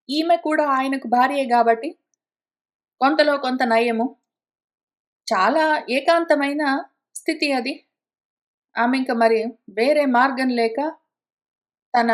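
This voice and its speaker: A woman teaching an ancient epic verse by verse. She chants the Sanskrit lines slowly, then explains each one in an emphatic storytelling manner, with English words mixed into her speech. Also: high-pitched. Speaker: scripture teacher.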